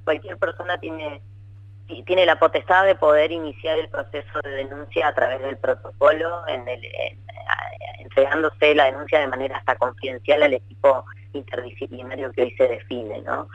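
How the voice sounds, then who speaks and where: Brief: a minister, speaking formally and measuredly over a bad phone connection that keeps breaking up. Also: male voice, fairly high pitch, fairly even intonation, no room sound. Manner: measured and formal, stresses key words. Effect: choppy bad phone connection. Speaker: government minister interviewed by phone. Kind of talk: formal official explanation. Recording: dull, dry, choppy phone line.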